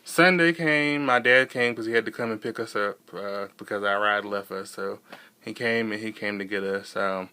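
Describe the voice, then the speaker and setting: Bright, clear-voiced young American man, talking haltingly. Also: on the low side. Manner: halting, rambling storytelling with repetition for emphasis. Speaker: vlogger. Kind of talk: casual personal vlog.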